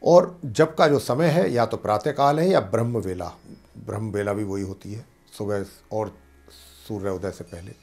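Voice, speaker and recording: A man, an astrologer and pandit, calmly explaining planetary mantras and slowly chanting them. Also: fairly low pitch, creaky. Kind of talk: devotional teaching talk.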